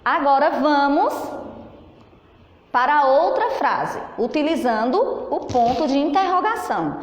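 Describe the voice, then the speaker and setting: A Brazilian woman teaching a children's lesson on punctuation, speaking slowly and in a singsong way for young pupils. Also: high voice, animated. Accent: Brazilian Portuguese. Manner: slow and singsong, stretching words for young pupils. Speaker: primary school teacher. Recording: echoey room with long reverb.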